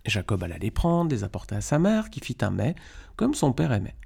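Gravelly-voiced man reading scripture. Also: medium pitch, sing-song, a little fast, darkish tone. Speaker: Bible reader.

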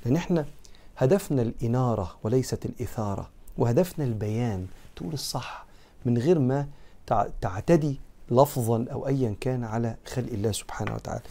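An Egyptian man preaching a religious lesson at a brisk clip, his voice warm and dark with a gravelly edge. He talks in an earnest, conversational way and shifts into quoted classical lines. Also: mid-range voice. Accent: Egyptian Arabic. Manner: conversational, earnest, shifts between quoting text and colloquial explanation. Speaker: preacher teaching a creed text.

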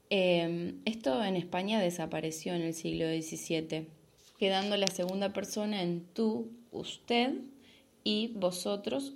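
Gravelly low-voiced Argentine woman teacher. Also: a little mellow. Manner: patient and explanatory, often checking in with the listener. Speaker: Spanish teacher. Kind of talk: podcast language lesson.

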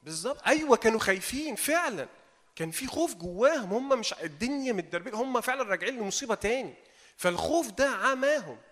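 A man with an Egyptian Arabic accent preaching an informal sermon, animated and asking his audience rhetorical questions. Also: very high-pitched, fast, long reverb tail. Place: meeting hall.

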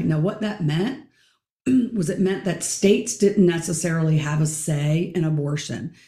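Raspy hoarse middle-aged woman hosting a podcast, gravelly and dark, keeps clearing her throat, echoey room. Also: deep voice. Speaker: podcast host. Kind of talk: casual podcast discussion.

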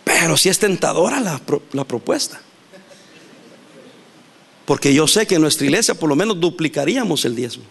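A male pastor preaching a sermon in a lively, animated way, laughing and acting out quotes. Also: on the high side, normal speed, vocal fry, pauses often, slightly rough.

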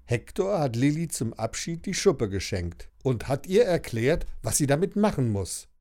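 Male audiobook narrator, children's story, very lively intonation. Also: medium pitch, moderate pace. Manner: animated, expressive storytelling.

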